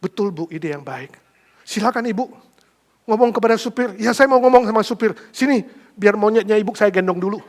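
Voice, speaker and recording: A man's voice: sits high, fairly quick, a little mellow, voice pushed up. A man voicing a sympathetic-sounding, coaxing middle-aged man in a sermon anecdote. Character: smooth-talking hypocritical middle-aged man.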